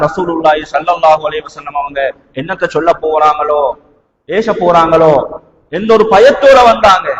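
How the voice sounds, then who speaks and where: A Sri Lankan Tamil preacher, male with a high and a bit bright voice, gives a dramatic, emphatic sermon with stories in a large mosque hall that reverberates heavily. He leans on rhetorical questions and repeats phrases.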